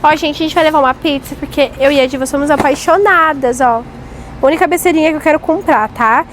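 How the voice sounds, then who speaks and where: A woman filming a casual vlog on her phone in a supermarket aisle, talking excitedly with playful mock alarm. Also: sits high, quick pace. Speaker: mother filming a family outing. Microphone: handheld phone camera. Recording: noisy store ambience.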